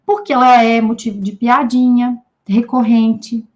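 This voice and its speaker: A woman with a high, bright-pitched voice gives an informal, lively talk to a room of teachers. She turns straight to her listeners again and again and slips into short bits of staffroom dialogue to make her points. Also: unhurried, lo-fi sound. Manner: animated, speaks straight to listeners. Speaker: researcher speaking at a teachers' union debate.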